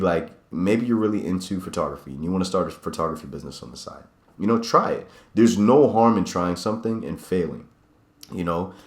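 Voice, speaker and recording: A man in his late twenties with a very low voice, chatting casually to camera. He rambles and corrects himself as he reflects out loud, in a room with a noticeable echo. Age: 20s. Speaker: vlogger. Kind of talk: casual talking-head vlog. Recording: echoey room.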